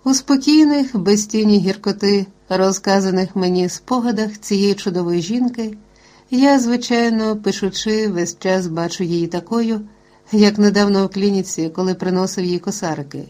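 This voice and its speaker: Woman calmly reading a novel aloud. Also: medium pitch, moderate pace. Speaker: audiobook narrator. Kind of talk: scripted narration of a novel.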